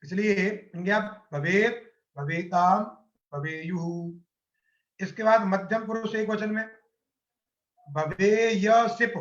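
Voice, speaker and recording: A man teaching a grammar lesson step by step, asking his class questions and answering them himself. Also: high voice. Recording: roomy, dull lo-fi sound.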